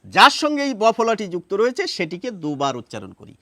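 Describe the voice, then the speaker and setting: A man teaching a lesson, explaining step by step and repeating words slowly to show how they sound. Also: high voice, huge pitch swings, pushed and bright, no echo. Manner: explains step by step, asks rhetorical questions.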